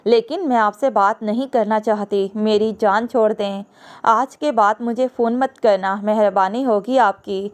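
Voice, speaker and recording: Defiant, frightened young woman in a storybook reading; a woman narrator reads her in a clear voice. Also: mid-range voice, fairly even intonation, close to an everyday voice.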